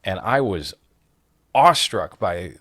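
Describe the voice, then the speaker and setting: A very low-voiced man co-hosting a podcast, speaking slowly and deliberately and drawing out his words. The recording is dry and close, with no room sound. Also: big pitch swings, a bit bright, dry recording. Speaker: podcast co-host. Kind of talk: casual podcast chat.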